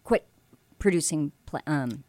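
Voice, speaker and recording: A woman from Alaska shares tomato-growing know-how in a low, grounded voice. She explains step by step, pausing on ums and correcting herself as she goes. The recording is dry, with no room sound. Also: animated, darkish tone, no room sound. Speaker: gardening expert guest. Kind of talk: casual radio gardening advice.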